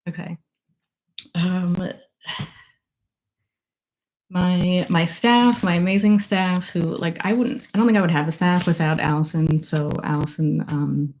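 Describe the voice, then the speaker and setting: A woman's voice: fairly low pitch, measured pace, pauses often, darkish tone, rough recording. A young woman talking casually on a livestream at her book launch, emotional and gushing, rambling with many fillers. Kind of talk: casual livestream thank-yous.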